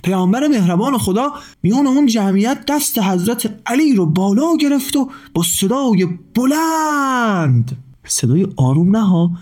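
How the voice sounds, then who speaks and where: A man's voice: high-pitched, a little mellow, voice pushed up. A man voicing a shy young boy who stutters, repeating the first sounds of his words, in a children's storybook.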